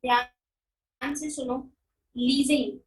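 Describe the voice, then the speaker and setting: High-voiced woman teacher, echoey room. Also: level tone, distant mic. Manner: explains slowly, repeats key terms and checks understanding. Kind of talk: recorded finance lecture. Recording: echoey room, speaker away from mic.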